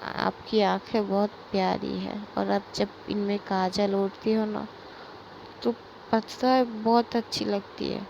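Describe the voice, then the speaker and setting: A woman voicing a tender, clingy young woman, speaking slowly and gently. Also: mid-range voice, little pitch movement, gravelly, slight background noise, low-quality recording.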